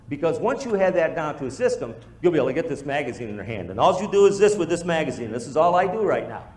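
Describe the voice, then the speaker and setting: A man's voice: on the high side, roomy sound. A man giving a motivational business talk to a live group, telling stories and acting out the dialogue. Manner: storytelling, animated, acts out quoted dialogue. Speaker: business presenter.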